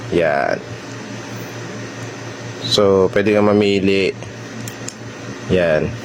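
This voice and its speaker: A man with a Filipino accent and a low-pitched voice narrates a casual vlog demonstrating a product installation. He talks informally and directly to his viewers over a noisy background.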